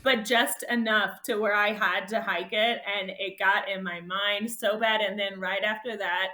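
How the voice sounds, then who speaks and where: Brief: bright, higher-pitched woman, podcast guest, animated storyteller who laughs a lot, roomy echoey sound. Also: measured pace. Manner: animated, laughs often, voice rises sharply when reliving moments. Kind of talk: casual storytelling interview.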